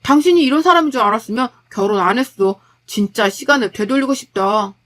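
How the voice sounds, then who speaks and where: A woman's voice: a little high, fast, a bit bright, lightly acted. Woman reading a blunt exasperated husband. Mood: reproachful. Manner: blunt, reproachful arguing. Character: exasperated husband arguing with family.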